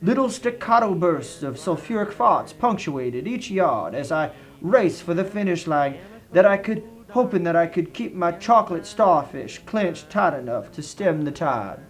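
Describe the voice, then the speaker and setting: A man's voice: a little high, expressive, a little slow. A man with a Southern US accent reads a comic written review as a dramatic story, in a theatrical, genteel manner.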